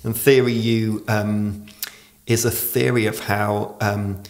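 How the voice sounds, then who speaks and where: A man's voice: on the low side, level tone, slow pace. A man in his forties who pronounces r as w, explaining reflectively in conversation as a podcast guest. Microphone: podcast microphone on desk stand.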